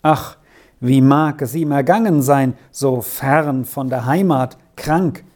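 A woman's voice: very deep voice, takes it slowly, full character voice. A woman doing an anxious old housekeeper. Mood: worried pleading. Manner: anxious, pleading, softly urgent.

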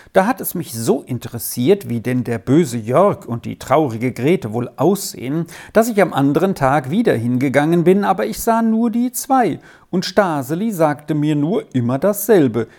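An earnest, thoughtful young schoolboy in a storybook, his voice lifted a little above the reader's low, warm tone as he explains things carefully. A woman doing the voice while reading aloud. His speech rises and falls in a lively way. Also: full character voice.

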